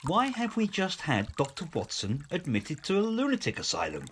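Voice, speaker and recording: A baffled Victorian police inspector in an audio play. The delivery is urgent and indignant, with very lively pitch movement and emphatic questions. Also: male voice, normal speed, slight background noise. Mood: baffled, demanding.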